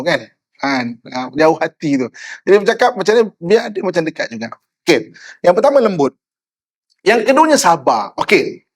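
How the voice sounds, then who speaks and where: A middle-aged Malaysian preacher with a bright, high-pitched voice gives an animated sermon. He speaks with a Malaysian Malay accent and keeps checking in with his listeners. He often slips into acted examples of different tones. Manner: animated, often asks "kan?", acts out tones of voice. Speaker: Islamic preacher.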